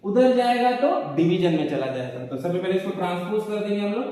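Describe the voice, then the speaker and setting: A man with a high voice teaches a maths lesson, coaxing students along by asking questions and then answering them himself. He stands back from the mic in a hard, echoey room, so a long reverb hangs after his words. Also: fairly quick, dark tone, recorded from a distance. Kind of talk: board lesson explaining step by step.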